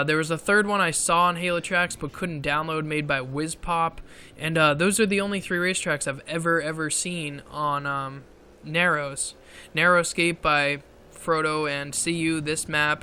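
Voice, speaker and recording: A gaming video creator gives casual commentary over gameplay footage, halting often with fillers and frequently clearing his throat. His slightly high, bright voice has a forceful tone and sounds strained from talking so long. A faint hiss or hum sits under the recording.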